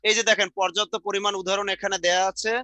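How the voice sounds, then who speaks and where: Middle-aged man, high voice, dry close sound, drills and repeats. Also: flat delivery, bright, forceful tone, dry recording. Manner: repetitive, drills sounds out slowly, asks the class questions. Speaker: teacher. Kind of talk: online exam-prep grammar lesson.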